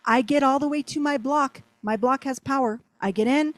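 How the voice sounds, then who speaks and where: Higher-voiced woman telling a story. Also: normal speed, dry recording. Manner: animated, rambling, heavy use of "like". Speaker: interview guest. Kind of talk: casual storytelling.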